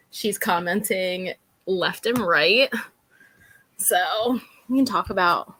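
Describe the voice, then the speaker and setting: A woman's voice: mid-range voice, drawn-out words, bright, forceful tone, slightly rough, no room sound. A woman co-hosting a casual podcast as a mother of two, chatty and laughing between phrases. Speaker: podcast co-host. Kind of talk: casual chat.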